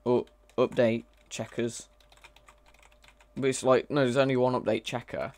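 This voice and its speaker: On a live coding stream, this mod developer speaks at a measured pace in a medium-pitched, darkish voice with little pitch movement. He keeps up casual, think-aloud chatter, often faltering and correcting himself.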